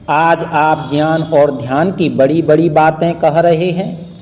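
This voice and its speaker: A male preacher voicing a wronged queen who asks a pointed question, telling it slowly and earnestly with long hall reverb. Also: a little high, darkish tone. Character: queen Draupadi, woman, wronged and reproachful.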